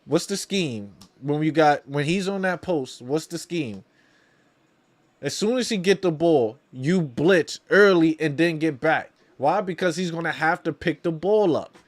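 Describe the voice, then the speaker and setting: A man with a slightly high voice and a somewhat slow delivery hosts a watch-along. He calls the basketball game live as a partisan fan, using slangy talk and often repeating phrases for emphasis.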